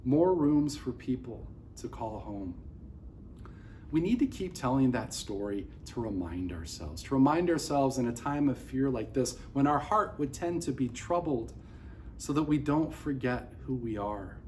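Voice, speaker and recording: Speaking a little slowly and expressively, a middle-aged pastor with a dark-toned, medium-pitched voice preaches an earnest sermon at close range to a camera. He uses open-handed gestures in an indoor room by a large window facing office towers, with a touch of hiss or hum audible.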